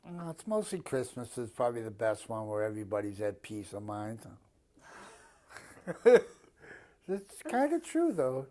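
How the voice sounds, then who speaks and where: Mellow Boston man in his fifties. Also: lowish voice, brisk, hardly any pauses. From Boston area, Massachusetts, USA. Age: 50s. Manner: blunt, plain-spoken, given to swearing. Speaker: interviewee. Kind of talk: casual chat.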